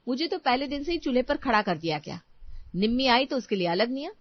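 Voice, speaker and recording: A bitter, accusing young daughter-in-law, voiced by a woman storyteller. Her complaints come quick and sharp, in a dry, dull lo-fi recording. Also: high-pitched, big pitch swings, no echo.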